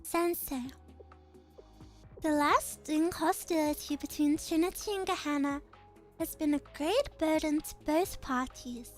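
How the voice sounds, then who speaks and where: A woman voicing a refined, grave schoolgirl leader in a game story, formal and measured. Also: high voice, soft background music, voice pushed down. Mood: grave, explaining. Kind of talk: visual novel game dialogue read aloud.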